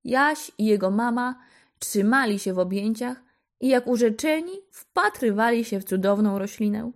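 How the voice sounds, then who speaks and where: A woman reading a fairy tale to children in a gentle, unhurried storytelling manner. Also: on the high side.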